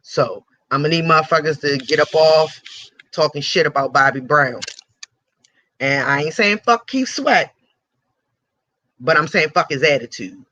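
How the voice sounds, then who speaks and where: Heated, profane radio host ranting. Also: male voice, fairly high pitch, animated, unhurried, pauses often, bright, forceful tone, no echo. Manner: blunt, profane and heated, with repeated phrases. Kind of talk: ranting celebrity commentary. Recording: dull lo-fi recording.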